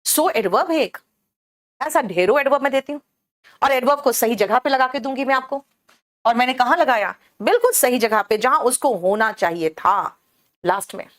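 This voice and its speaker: A woman teaching English grammar in a classroom, explaining patiently, checking understanding and slowing down to spell out example sentences. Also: high-pitched, expressive. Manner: explains patiently, calls students beta, asks check questions. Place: classroom with air conditioner running.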